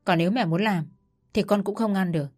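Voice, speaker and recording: A woman voicing a defiant young wife who answers back in firm, measured words. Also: medium pitch, darkish tone, soft background music, natural voice. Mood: firm defiance.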